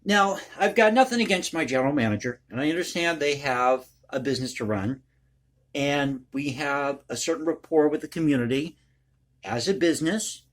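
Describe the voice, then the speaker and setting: Casting: male vlog host, slightly higher-pitched, conversational and folksy, rambling off the cuff. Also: moderate pace, a bit bright. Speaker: online video host and commentator. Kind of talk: casual ad-libbed vlog monologue.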